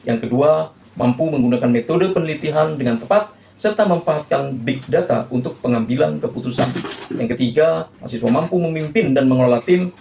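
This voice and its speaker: A male university lecturer reading a formal course overview, listing points one by one with hesitant filler pauses. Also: fairly high pitch, vocal fry, mellow, reverberant, dull audio, slight background noise.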